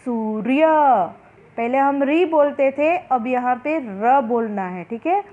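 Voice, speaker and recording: Slow-spelling woman teacher, tinny sound. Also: high voice, warm tone. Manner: slow, drawn-out pronunciation of each word for students. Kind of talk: Hindi phonics lesson. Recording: tinny phone-like recording.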